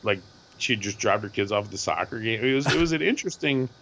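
A middle-aged man with a hoarse voice, co-hosting a podcast and telling a rambling, animated story with lots of repeats. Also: lowish voice, quick pace, dull audio, a little hiss or hum. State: hoarse from screaming at a concert. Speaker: podcast co-host. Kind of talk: casual chat.

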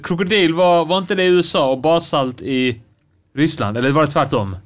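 A man co-hosting a casual podcast, chiming in with short agreements and wry quips. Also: on the high side. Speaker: podcast co-host.

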